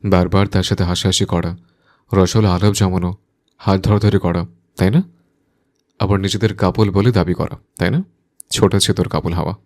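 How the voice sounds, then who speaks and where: A man's voice: lowish voice, quick pace, a little mellow. A man playing a possessive, hot-tempered young man. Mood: menacing. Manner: teeth-gritted, commanding. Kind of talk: audio drama acting.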